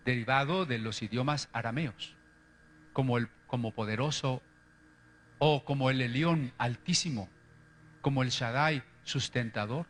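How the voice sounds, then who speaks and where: A man's voice: mid-range voice, a bit bright, a little hiss or hum. A man lecturing on the history of Bible translations, explaining step by step and often checking in with his listeners.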